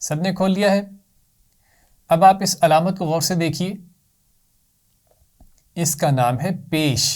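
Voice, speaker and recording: A man teaching a children's Quran reading lesson, patient and clear, saying each sound slowly for the class to repeat. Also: on the high side, darkish tone.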